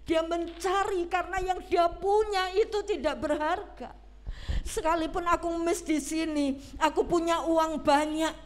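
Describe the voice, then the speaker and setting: Woman preacher, high voice, animated storytelling sermon, questions to the listeners. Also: a little slow. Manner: animated, dramatic retelling with questions to the congregation. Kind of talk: Sunday sermon.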